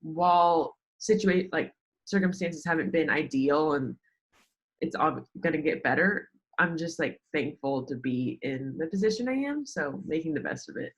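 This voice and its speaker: In a rough recording, a twentysomething American woman who works in sports social media chats casually on a podcast. Her low voice is animated and at normal speed, and "like" pops up constantly in her speech.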